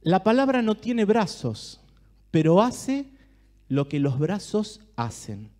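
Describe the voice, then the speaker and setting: A man's voice: high voice, very animated, slow, dark tone. A man with an Argentine Spanish accent, giving a talk to a church group and speaking straight to his listeners with questions. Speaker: speaker at a church family ministry. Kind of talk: talk to a live audience.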